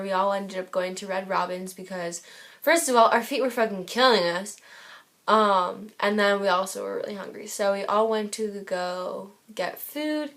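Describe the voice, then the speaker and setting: A teenage girl telling a storytime vlog in a rambling, gushing way, with lots of fillers and restarts, recorded on a tablet. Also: medium pitch. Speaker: vlogger. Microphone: tablet camera.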